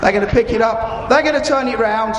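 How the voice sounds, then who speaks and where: Very high-voiced British man announcing in an arena. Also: brisk. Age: 30s. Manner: explanatory, informal announcing to spectators. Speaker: military display announcer. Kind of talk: live arena commentary. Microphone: microphone over public address. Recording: echoey arena PA, crowd and noise.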